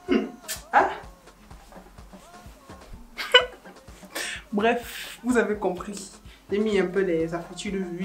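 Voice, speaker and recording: A woman, chatting casually through viewer questions in a teasing, laughing way. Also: medium pitch. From Cameroon. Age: 20s. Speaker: YouTuber. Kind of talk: casual vlog Q&A.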